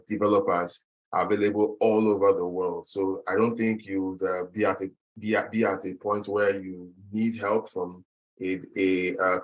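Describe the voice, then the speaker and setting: A man's voice: low-pitched, highs cut off. A man giving an online business presentation in a webinar, hesitant and full of fillers and restarts, over a video call microphone.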